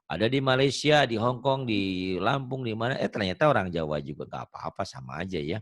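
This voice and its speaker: Lively-voiced man teaching Quran reading. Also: fairly low pitch, dry recording, studio quality. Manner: patient, chatty explaining, drawn-out chanted recitation. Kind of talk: online Quran reading lesson.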